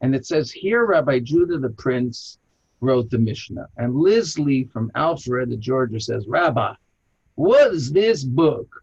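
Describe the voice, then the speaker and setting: An American man from Chicago, a rabbi and archaeologist, answers interview questions with animated, anecdotal stories and lively jumps in pitch, speaking a little slowly. He's on a remote call from his home in an old city, over a muffled, husky lo-fi line.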